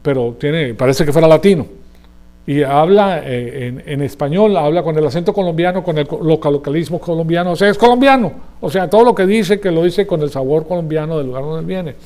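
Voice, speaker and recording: A man preaches in Spanish in a chatty, teaching manner, often turning to his listeners to check they follow. His voice is mellow and soft-edged and sits slightly high for a man. His delivery comes across as that of a church sermon to a gathered congregation. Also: brisk. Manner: conversational, asks the audience for agreement.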